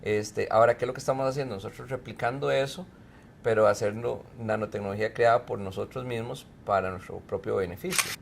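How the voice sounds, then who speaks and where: A middle-aged professor and researcher, born in Mexico and raised in Costa Rica, answers interview questions in a relaxed, explanatory manner full of fillers. His voice is lowish with vocal fry, and he talks fairly quickly. Faint music and slight background noise sit behind him.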